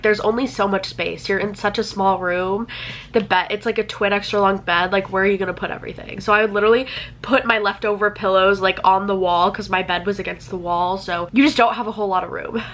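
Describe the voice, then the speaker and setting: A woman's voice: mid-range voice, fairly bright tone, slight background noise, rough recording. Congested young woman vlogger, chatty. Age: young adult. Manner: chatty, frequent "like" fillers. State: congested from a cold. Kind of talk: casual chat.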